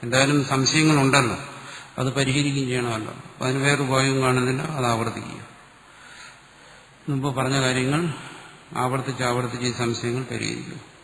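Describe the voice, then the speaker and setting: A man's voice: medium pitch, level tone, normal speed, pauses often, a bit bright, slight background noise. A man giving a spiritual discourse to a class as a swami, wry and teasing, repeating key words for emphasis. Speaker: swami teaching scripture. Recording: roomy hall echo with faint ambience.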